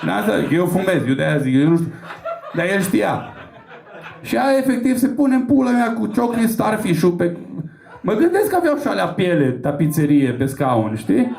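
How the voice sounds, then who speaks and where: A man's voice: high-pitched, very animated, creaky, a little mellow, roomy sound. A man from Romania doing a stand-up set, telling crude, rambling and profane stories on a comedy club stage.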